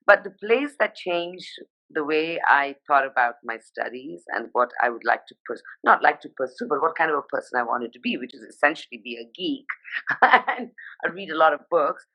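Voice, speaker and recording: Appearing as an interview guest on a live video call, a fashion journalist from Sikkim, India, whose first language is Nepali, speaks animatedly and emphatically. Her low-pitched voice swings widely in pitch, with a sharp tone at normal speed. The recording is low quality.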